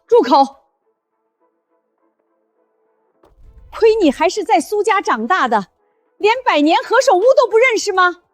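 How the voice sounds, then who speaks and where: A woman's voice: very high-pitched, very animated, normal speed, no room sound, clean studio sound, faint music behind. An actress playing an imperious elderly woman who heads a wealthy family, giving clipped commands in a short drama. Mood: scolding. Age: older.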